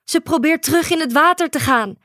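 A woman's voice: high voice, a little slow, no echo, studio quality. A woman voicing a brave, caring young island girl who pleads and urges in a storybook reading. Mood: urgent. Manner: urgent, pleading.

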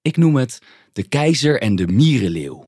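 Narrator putting on a pompous fatherly troll for a storybook; booming, dry close sound. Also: sing-song, normal speed, dark tone, dry recording. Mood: proud. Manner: theatrical, throat-clearing.

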